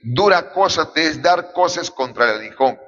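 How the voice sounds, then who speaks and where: A man voicing the Lord speaking from heaven in a grave, measured tone. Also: on the high side, lively intonation, a bit bright. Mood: solemn. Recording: dull echoey hall recording.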